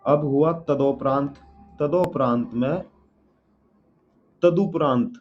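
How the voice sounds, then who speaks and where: A man's voice: mid-range voice, unhurried. A man teaching a spelling lesson word by word, asking and answering his own questions and often checking with his students. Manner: repeats each word and checks with "ठीक है". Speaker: Hindi exam teacher. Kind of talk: spelling lesson walking through words. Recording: dull lo-fi audio with faint room noise.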